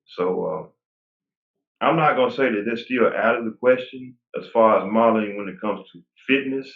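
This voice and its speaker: A creaky, fairly low voice at a moderate pace belongs to a forties guest bodybuilder. He talks casually in an interview, loose and rambling with frequent restarts. Sound is tinny like a phone line, with room echo.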